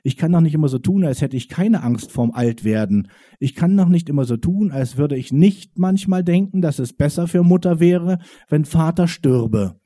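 A man's voice: on the high side, expressive, moderate pace, dark tone. A man in his forties performing spoken-word poetry with a rhythmic, wry, confessional delivery. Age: 40s.

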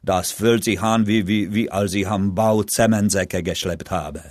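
A man's voice: fairly low pitch, steady tone, a little slow, no echo, studio quality, close to an everyday voice. A man reading an audiobook, voicing a crude, blunt young drinking buddy in a pub. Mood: leering. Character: boozy young Czech pub buddy, brash joker.

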